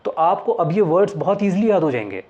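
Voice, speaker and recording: A man's voice: high voice, sing-song, fairly quick, a little mellow. A man teaching English words in Hindi with memory tricks, asking questions and answering them himself. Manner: explains step by step, asks and answers his own questions. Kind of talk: Hindi lesson explaining mnemonics. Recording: dull lo-fi sound.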